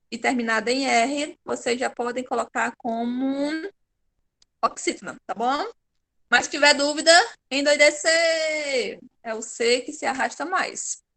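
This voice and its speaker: A woman's voice: high voice, unhurried, gravelly, fairly bright tone. A Brazilian woman teaching an online class, patient and encouraging, praising her pupils by name. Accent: Brazilian Portuguese.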